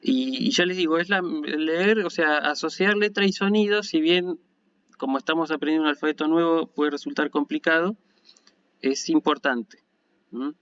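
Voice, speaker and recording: A man with an Argentine Spanish accent gives an online lecture in a patient, explanatory way, often checking in with his listeners. His voice sits fairly high for a man and sounds smooth and resonant. The recording is dull and lo-fi. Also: moderate pace, fairly bright tone, dry recording. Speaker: university lecturer in Ancient Greek.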